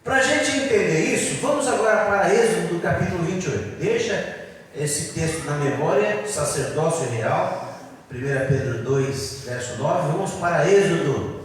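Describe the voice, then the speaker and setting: A man's voice: a little high, animated, normal speed, slight background noise. A man with a Brazilian Portuguese accent preaching a sermon as pastor, leading his congregation in call and response. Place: large church hall. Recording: echoey church hall, distant mic.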